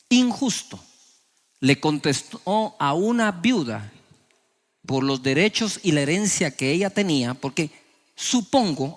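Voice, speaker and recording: A middle-aged male pastor preaching a sermon, acting out people's prayers with sudden raised voices. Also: on the high side. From Guatemala.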